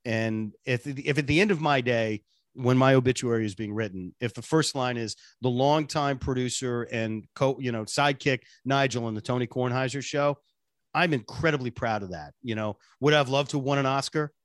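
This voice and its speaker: A man's voice: medium pitch, normal speed, no room sound, clean studio sound. A man from Boston, a radio producer and sidekick, telling his story in an earnest, chatty interview with self-deprecating asides. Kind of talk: casual interview chat.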